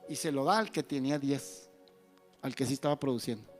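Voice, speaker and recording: A male pastor, preaching an animated sermon and acting out the voices of the people he quotes. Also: medium pitch, fairly quick, soft background music.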